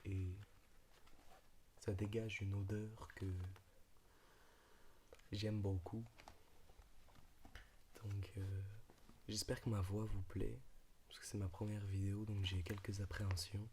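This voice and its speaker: A man speaks in a soft, hushed, half-whispered ASMR voice, talking about and reading from a book in an unhurried, slightly hesitant way. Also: lowish voice, level tone, a little hiss or hum. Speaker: ASMR video creator.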